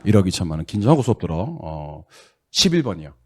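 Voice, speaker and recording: A middle-aged man teaching a real estate exam class, drilling students on reading numbers aloud in a brisk, teasing, scolding way. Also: sits low, very animated. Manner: brisk, scolding, teasing, loud bursts of exasperation.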